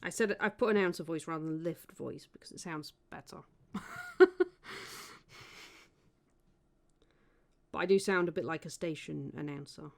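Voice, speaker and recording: A woman's voice: low voice, fast talker, gravelly, hardly any pauses. A woman streaming as she paints miniatures, chatting casually and thinking aloud about her work. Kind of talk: casual live-stream chat.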